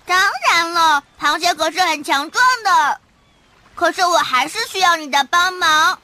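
A woman's voice: very high voice, fairly even intonation, normal speed, sharp tone, dry recording. A woman voicing an eager, boastful baby crab in a children's cartoon, childlike and emphatic. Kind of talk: children's cartoon dub acting.

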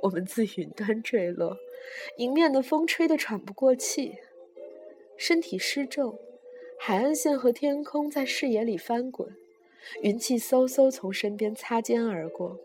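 A woman's voice: fairly high pitch, a little slow, a little mellow, soft background music. A woman reading a first-person story aloud with vivid storytelling.

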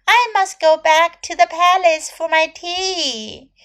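Lady doing a spoiled little princess, high and loud-ish, kinda dramatic. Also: steady tone, slow, heavily acted. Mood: dismissive. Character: young princess, spoiled and easily upset.

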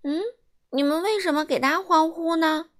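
A woman voicing a mischievous young gossip in a children's storybook, calling out quickly and loudly. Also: sits high, very animated, pitched above the performer's own voice, full character voice. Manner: fast, loud calling out.

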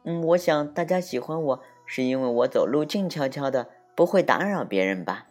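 Figure: a tiny, shy ant in a children's storybook voiced by a man. Pitch: raised well above the teller's own. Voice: thin, soft and timid. Level: hushed. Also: lively intonation, normal speed, soft background music, natural voice.

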